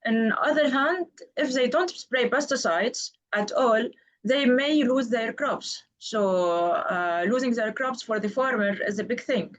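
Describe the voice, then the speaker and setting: A woman's voice: fairly high pitch, animated, a little slow. Woman over an unstable connection. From Lebanon. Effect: unstable mobile data connection. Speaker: startup founder on a panel. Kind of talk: online panel discussion. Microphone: video call over 4G.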